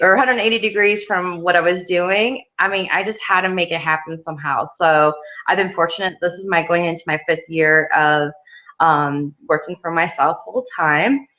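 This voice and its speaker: A woman's voice: deep voice, fairly bright tone. A woman artist from Western New York, chatting casually in an interview with lots of ums. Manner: chatty, many ums, laughs easily. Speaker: mixed media artist, guest. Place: outdoor art studio. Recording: dull lo-fi sound.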